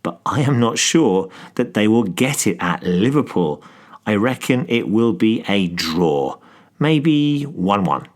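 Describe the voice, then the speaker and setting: A man with a lowish voice presents a scripted football English lesson. He speaks in a measured way and explains each phrase as he goes. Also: sing-song. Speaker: podcast co-host.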